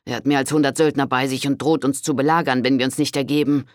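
A man voicing an angry, loyal castle steward who speaks forcefully and indignantly in an audiobook. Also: mid-range voice, a little fast, creaky, dry recording, clean studio sound. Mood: furious.

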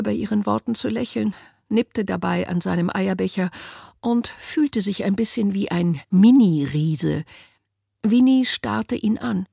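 A woman narrating an audiobook in a calm, measured storytelling manner. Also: medium pitch, vocal fry, husky, no room sound, studio quality. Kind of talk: scripted narration.

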